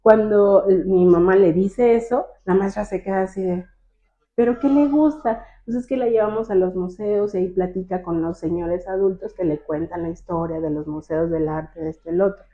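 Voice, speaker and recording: A woman's voice: on the low side, fairly quick, few pauses. A young woman guest telling her childhood story in an interview, acting out the voices of her teacher and family as she goes. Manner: animated, acts out quoted voices of teachers and family. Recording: tinny phone-like line.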